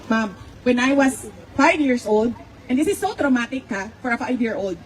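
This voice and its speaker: Filipino woman telling stories, slightly high voice. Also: expressive, moderate pace, low-quality recording. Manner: mixes Tagalog and English, laughs often. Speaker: speaker recounting family stories. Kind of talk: conversational storytelling.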